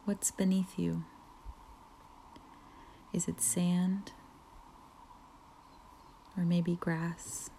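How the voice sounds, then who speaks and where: Slow soft-spoken woman guiding meditation. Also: lowish voice, level tone, creaky, slight background noise. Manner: slow, soft, partly whispered, soothing pauses. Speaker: meditation guide. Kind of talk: guided relaxation meditation.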